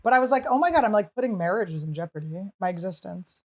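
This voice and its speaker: A woman in her thirties from Philadelphia hosting a podcast, joking around in casual chat with quick asides. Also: mid-range voice, animated. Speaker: podcast host.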